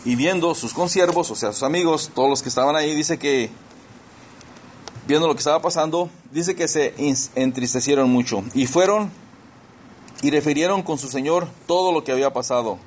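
A man with a somewhat raised pitch preaches a sermon and walks his listeners through a Bible passage one verse at a time. He stresses key words by repeating them and turns to the congregation as brothers and sisters. A faint hiss sits under his voice. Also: moderate pace. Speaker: pastor.

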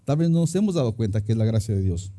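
A man's voice: lowish voice, big pitch swings, fast talker, dark tone. A middle-aged man preaching a sermon as a pastor, chatty and storytelling, acting out little scenes with many restarts. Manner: conversational preaching, acts out anecdotes, many restarts.

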